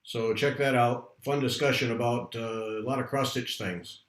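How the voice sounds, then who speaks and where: A man's voice: medium pitch, steady tone, normal speed, a bit bright. A man's voice in a middle register rings around a bare, unsoundproofed room with a strong echo. He hosts a casual livestream chat, chatty and rambling as he talks to viewers. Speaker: host. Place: room at home, not soundproofed.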